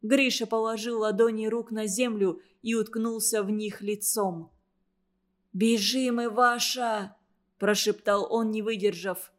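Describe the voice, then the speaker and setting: A woman narrating a wartime story in a steady, measured audiobook reading. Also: mid-range voice.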